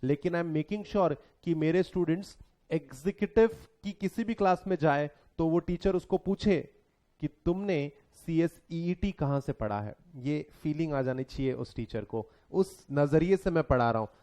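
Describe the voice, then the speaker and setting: A young Indian man giving a relaxed classroom lecture that mixes Hindi and English, asking his students questions and answering them himself. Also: a little high, normal speed. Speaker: exam lecturer.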